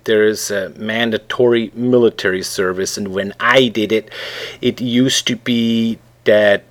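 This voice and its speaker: A middle-aged man from Switzerland, a guest on a podcast, talking in a relaxed way and often pausing with ums as he looks for words. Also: mid-range voice. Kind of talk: casual interview conversation.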